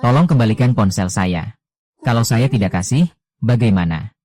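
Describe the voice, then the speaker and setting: A man reading the dialogue of a dubbed drama, voicing every role in one even, low-key delivery. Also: normal speed, no room sound. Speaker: voice-over reader of a drama.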